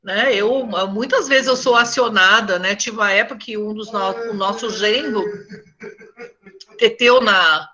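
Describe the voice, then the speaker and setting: A woman's voice: medium pitch, a little slow, pushed and bright, highs cut off. An older woman from Brazil with a Northeastern Brazilian accent. She is a psychologist who gives a conversational talk to a support group, telling stories and often checking in with her listeners. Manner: conversational, tells stories, often asks "né?" and addresses the group as "gente".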